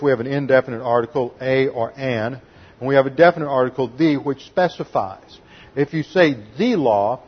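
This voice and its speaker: Husky-voiced man teaching a sermon. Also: medium pitch, highs cut off. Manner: deliberate teaching tone, stresses and slows key words. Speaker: pastor. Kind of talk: expository Bible teaching sermon.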